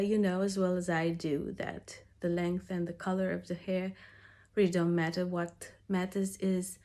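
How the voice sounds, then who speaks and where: A woman's voice: on the low side, mellow. A woman from Romania with a Romanian accent, speaking English with a nasal voice from a cold, teaching a cross stitch tutorial hesitantly with many fillers. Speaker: craft workshop founder teaching cross stitch. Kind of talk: home craft tutorial.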